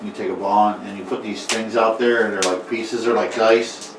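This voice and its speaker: A man narrating as game master in a casual tabletop game, talking haltingly with many fillers and restarts. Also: lowish voice, fairly even intonation. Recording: echoey room, mic far off, faint noise.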